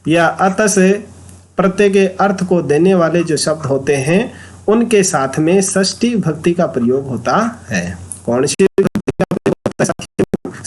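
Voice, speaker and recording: A man with a Hindi accent teaches an exam-prep grammar lesson at an unhurried pace. His voice sits a little high, and he works methodically through each answer, repeating the key terms. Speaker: Sanskrit exam tutor.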